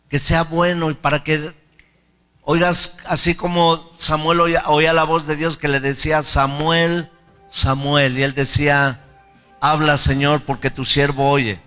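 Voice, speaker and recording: A man preaches with fervor in a bright, forceful, fairly high voice. He repeats phrases as he leads the congregation in prayer. Soft music plays faintly behind him. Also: big-room sound. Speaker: pastor. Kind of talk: sermon.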